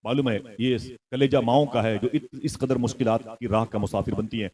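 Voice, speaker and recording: A man delivers a sermon in a mid-pitched voice, telling his story with fervour. He swells into loud exclamations and often urges his listeners to call back to him. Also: fairly quick. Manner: prompts the audience to call back. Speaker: preacher.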